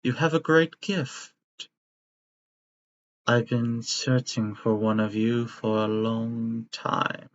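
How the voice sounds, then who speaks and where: A man voicing a sinister, lanky male doctor with a bird's skull for a face in a tabletop game, speaking quietly, slowly and menacingly. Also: medium pitch, fairly even intonation, natural voice. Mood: cold, menacing. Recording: dry, slightly muffled audio.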